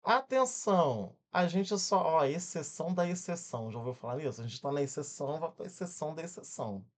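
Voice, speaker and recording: This exam-prep grammar lesson is led by a man with a fairly high voice and a Brazilian Portuguese accent. With lots of energy, he spells words syllable by syllable and constantly asks quick questions to check in.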